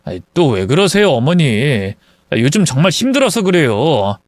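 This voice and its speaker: A man's voice: on the high side, sing-song, moderate pace, dry recording. A man playing a grown son, a doctor, who pushes back against his mother in a blunt, strained way. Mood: pleading. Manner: pleading, then sharp and blunt.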